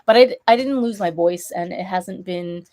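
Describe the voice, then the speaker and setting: A woman's voice: fairly low pitch, moderate pace, a little mellow. A woman with a nasal, congested voice from a recent cold and sore throat, chatting casually in a rambling, self-correcting way as a vlogger. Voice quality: nasal, stuffy-nosed. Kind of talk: casual chatty haul vlog.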